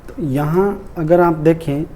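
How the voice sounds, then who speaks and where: A man's voice: fairly high pitch, slow, dark tone, slight background noise. A male English teacher giving a lesson on an exam paper, explaining each answer step by step and repeating key words for emphasis.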